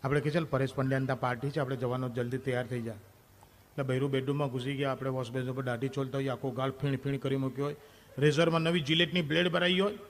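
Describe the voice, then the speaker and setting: A man performing a stand-up comedy monologue on stage, telling animated stories and acting out quoted lines from a wife and a husband, with English phrases mixed in. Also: medium pitch, a little hiss or hum. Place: stage before a live audience.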